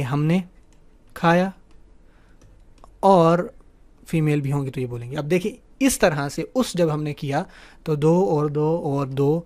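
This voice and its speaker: Male teacher, higher voice, patient online grammar explainer who slips English terms into his talk. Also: darkish tone. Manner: explanatory, asks "ٹھیک ہے نا" often; mixes English words into the talk.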